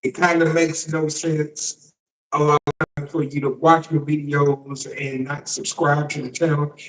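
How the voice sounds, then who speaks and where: Male shock jock livestream host, slightly high voice, halting casual commentary with repeated words, recorded at a distance from the mic. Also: level tone, fairly bright tone. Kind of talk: live political commentary, casual address to viewers. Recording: roomy echo, distant microphone.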